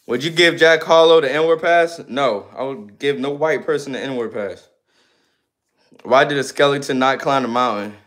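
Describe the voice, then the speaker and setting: A man's voice: mid-range voice, fairly bright tone. A man in his twenties livestreaming, reading viewer comments aloud and answering them in loose, slangy, sometimes ranting casual chat. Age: 20s.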